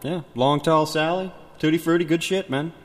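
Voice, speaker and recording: A man's voice: fairly high pitch, moderate pace, voice pushed up. A man playing a cocky, crude spaceman musician from the future, his voice run through a tinny metal-can filter, in a comic self-interview. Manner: boastful, swaggering, crude.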